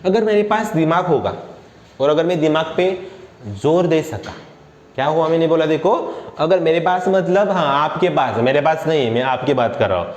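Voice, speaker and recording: A man teaching a chemistry lesson, playful and quizzing his students with quick questions. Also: fairly high pitch, animated, a little mellow, lo-fi sound. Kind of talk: classroom lecture. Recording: echoey room with faint noise.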